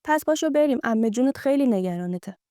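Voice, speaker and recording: A woman storyteller voicing a friendly young woman who speaks in a gentle, coaxing way. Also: fairly high pitch, expressive, no echo, studio quality, close to an everyday voice.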